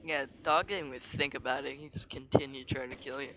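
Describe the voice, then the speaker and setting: A man's voice: medium pitch, steady tone, a little fast, sharp tone. A teenage boy giving casual, joking gaming commentary while chatting with a friend. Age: teens. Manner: joking, rambling. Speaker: streamer. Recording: noisy game-audio background.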